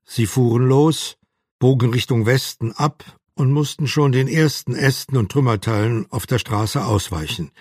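A man reading a novel aloud as an audiobook narrator, in a calm and measured manner. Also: mid-range voice, slightly rough, dry recording, studio quality. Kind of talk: scripted narration.

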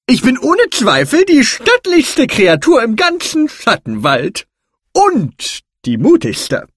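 A man's voice: extremely high pitch, huge pitch swings, takes it slowly, fairly bright tone, breathy edge, no room sound, voice pushed up, exaggerated voice. A man voicing a vain, pompous male goblin king in a storybook reading, boastful and haughty.

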